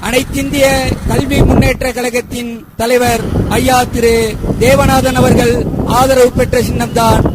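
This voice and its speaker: A man with a very high, flat voice reads out a formal campaign appeal to voters. He declaims each line in a steady, announcing manner. Heavy noise sits under the whole recording. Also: measured pace.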